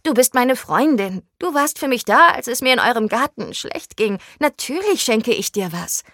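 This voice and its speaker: A woman voicing a cheeky, loud teenage schoolgirl with excitable outbursts in an audiobook. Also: normal speed, dry recording, studio quality, exaggerated voice. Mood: teasing. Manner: excitable, shrill outbursts, ironic. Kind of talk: audiobook character voice.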